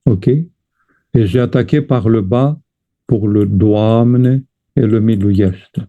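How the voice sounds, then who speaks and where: A man teaching a chant lesson, explaining slowly and carefully and breaking off to sing short chant phrases. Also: on the low side. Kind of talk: teaching lesson with sung examples. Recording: tinny phone-like sound.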